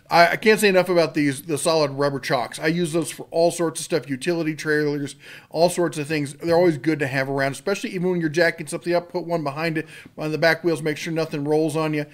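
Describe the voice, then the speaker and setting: A middle-aged man with a voice on the high side hosts a tool channel, giving a casual rundown of sale items. He rambles in a folksy, casual way, full of fillers and restarts.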